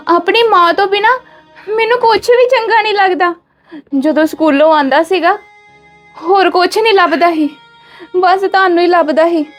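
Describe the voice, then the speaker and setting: A woman with a Punjabi accent playing a devoted daughter who angrily scolds her brothers for how they have treated their mother. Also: extremely high pitch. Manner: scolding, emphatic. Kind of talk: Punjabi family drama acting.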